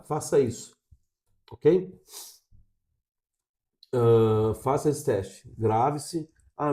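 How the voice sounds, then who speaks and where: Brazilian male teacher, warm mellow tone, direct-to-camera coaching delivery. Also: mid-range voice. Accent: Brazilian Portuguese. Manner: coaching, checks in with frequent "tá?". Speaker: English teacher.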